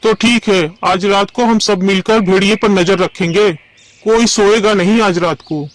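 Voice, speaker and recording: A man's voice: sits high, steady tone, measured pace, no room sound. A man voicing a stern, worried village man in a cartoon story, who speaks in a firm, urging way. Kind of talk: cartoon voice acting.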